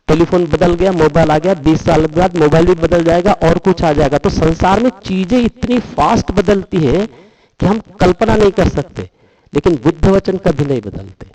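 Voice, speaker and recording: A middle-aged man giving a Buddhist dhamma talk, explaining Pali verses and chanting them slowly and drawn out. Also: fairly high pitch, mellow, dry recording, rough recording.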